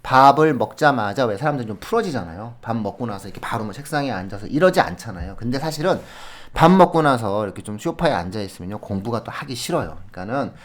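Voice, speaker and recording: A man on an education podcast, telling classroom stories in an animated way and laughing often as he gives advice. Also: medium pitch, fast, few pauses. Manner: animated storytelling with frequent laughs; explains in a friendly advising way. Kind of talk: conversational podcast talk.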